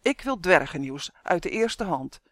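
A woman reading an audiobook, voicing a spirited, cheerful little dwarf girl who talks in a bright, bossy way. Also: fairly low pitch, big pitch swings, a little slow, no echo, clean studio sound, full character voice. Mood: lively, indignant. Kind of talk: audiobook character voice.

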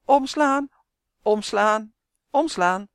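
A storybook reader voicing a brisk, practical dwarf girl who talks in a bossy, impatient way. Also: mid-range voice, lively intonation, dry recording, clean studio sound, lightly acted.

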